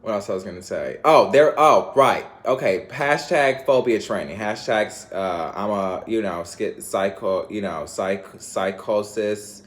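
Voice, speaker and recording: A man's voice: lowish voice, animated, a little slow, few pauses. Rambling man vlogging in slang. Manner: rambling, scattered, laughs often, lots of slang. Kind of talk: rambling casual monologue to viewers.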